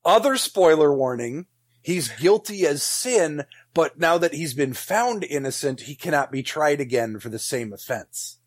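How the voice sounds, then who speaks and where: A man's voice: on the high side, expressive, measured pace, hardly any pauses. A man co-hosting a casual film podcast who makes dry, witty remarks. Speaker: podcast co-host.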